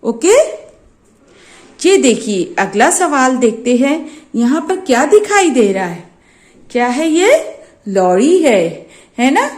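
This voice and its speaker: A woman teacher with an Urdu-medium Maharashtra accent, slowly walking young children through a first-grade maths exercise, asking questions and answering them herself. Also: high voice, very animated, a little mellow. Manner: slow, sing-song questions answered by herself. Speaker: primary school teacher.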